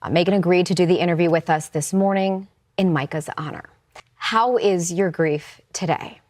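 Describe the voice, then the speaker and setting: A woman's voice: fairly low pitch, moderate pace, a little mellow, no room sound. Woman news host in a dry studio. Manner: composed questions, then choked up. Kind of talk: live TV interview.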